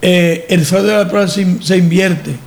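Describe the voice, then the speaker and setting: High gravelly radio host. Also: male voice, steady tone, moderate pace, a little mellow. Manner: emphatic, lecturing, many restarts. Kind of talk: talk radio debate.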